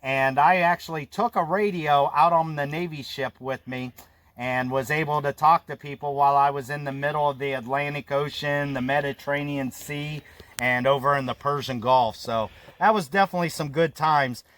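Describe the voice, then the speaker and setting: A friendly, talkative American man in his fifties chats over ham radio from a mountain trail outdoors, in a folksy, casual way. He sounds a little high and fairly bright, keeping a steady tone at a moderate pace.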